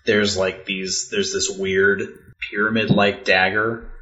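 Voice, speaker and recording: A man's voice: fairly low pitch, level tone, takes it slowly, pushed and bright, muffled recording. A man narrating as game master of a tabletop role-playing podcast, describing scenes in a casual, filler-laden way.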